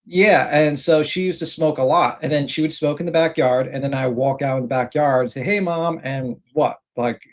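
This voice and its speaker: A man's voice: medium pitch, steady tone, normal speed, few pauses. Mocking, profane male co-host. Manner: mocking, laughing, swears a lot. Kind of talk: casual profane commentary on clips.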